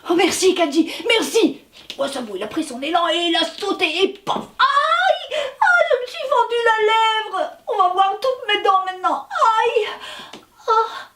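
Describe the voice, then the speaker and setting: A woman's voice: animated, a little fast, fairly bright tone, echoey room, recorded from a distance. A woman doing Wasabu, a lonely little boy. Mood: pained. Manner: high, plaintive, childlike. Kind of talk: storytelling for children.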